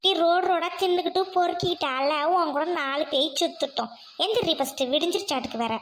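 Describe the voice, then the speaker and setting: A woman's voice: very high-pitched, quick pace, slight background noise. A woman voicing a bossy older sister who brashly scolds sleepy girls in a cartoon. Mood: scolding.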